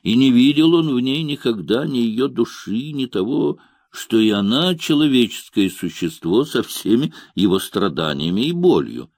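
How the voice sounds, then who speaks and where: A man narrating a literary novel as an audiobook with measured, expressive reading. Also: medium pitch, no room sound, studio quality.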